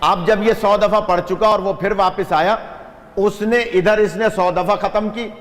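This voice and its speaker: Preacher man in an echoing hall. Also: high voice. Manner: lively narration with audience asides. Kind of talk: sermon storytelling. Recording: reverberant hall.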